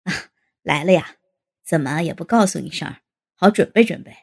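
A woman voicing a gruff, flustered middle-aged father in a storybook reading, with a gravelly lowered voice. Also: animated, moderate pace, exaggerated voice.

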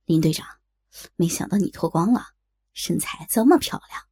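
A woman voicing a crude, leering young male police officer in an audio story, speaking with a lowered voice. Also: normal speed, dark tone, breathy edge. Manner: lewd, teasing.

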